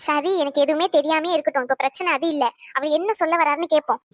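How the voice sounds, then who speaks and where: A woman's voice: high-pitched, steady tone, rapid-fire, no room sound, lightly acted. A woman voicing a young wife in a cartoon, pleading and soothing her angry husband.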